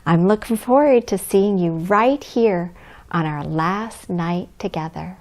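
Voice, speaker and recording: Slow, gentle Mrs. Claus played by a woman. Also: lowish voice. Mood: tender, hushed. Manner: gentle, expressive, unhurried. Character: Mrs. Claus, kindly storybook wife of Santa, reading to children. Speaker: storyteller. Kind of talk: children's storybook reading, addressing young listeners.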